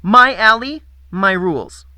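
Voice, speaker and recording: A man's voice: sits high, lively intonation, unhurried, sharp tone, no echo, pitched above the performer's own voice, heavily acted. A man voicing a bossy nasal little girl. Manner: bossy, ordering. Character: bossy twelve-year-old girl, fierce.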